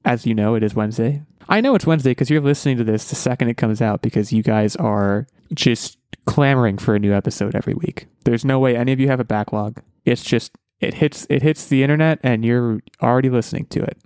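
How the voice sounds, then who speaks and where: A man's voice: medium pitch, fast, few pauses, darkish tone, clean tone, no echo. A man hosting a podcast in casual chat, rambling and joking with lots of fillers and restarts. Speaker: podcast host.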